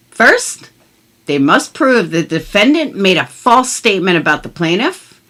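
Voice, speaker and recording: This is a middle-aged female commentary vlogger with a mid-range, slightly bright voice. She mixes casual talk with emphatic, mock-dramatic readings of legal papers, blunt and liberal with swearing.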